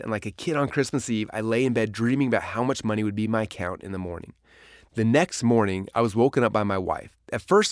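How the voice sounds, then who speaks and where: This is memoir audiobook narration, read by the author himself in a mid-range voice. The studio-quality recording has no echo, and he tells the story with occasional dramatic flair.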